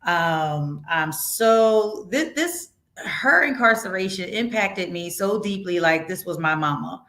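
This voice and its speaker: Woman podcast host, casual and animated, blunt and emphatic, cusses freely. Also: mid-range voice, slow.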